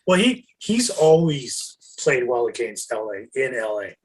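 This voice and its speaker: A man's voice: mid-range voice, slightly rough, poor audio. A man co-hosting a sports podcast, talking casually with frequent restarts and swearing. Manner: animated, swearing, halting restarts. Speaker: podcast co-host.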